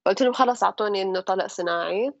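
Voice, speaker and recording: A woman's voice: mid-range voice, very fast, gravelly, no echo, highs cut off. A young woman with a Levantine Arabic accent, chatting casually about her own life and mixing English words and phrases into her Arabic. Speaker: interviewee, a mother telling her birth story. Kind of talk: casual personal storytelling.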